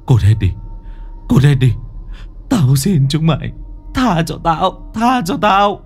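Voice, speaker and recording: A man's voice: fairly high pitch, sing-song, racing, dark tone, slightly rough, soft background music, voice pushed up, heavily acted. A man voicing a terrified young villager who stammers and screams at ghosts to go away. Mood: panicked.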